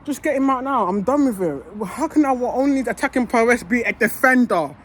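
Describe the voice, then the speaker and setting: A woman delivers an angry fan rant, cursing and repeating herself as she builds her case. Her pitch swings widely from low grumbles to sharp peaks, over a faint hum of background noise. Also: lively intonation, fairly quick. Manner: heated, swearing, repeats herself. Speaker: football fan.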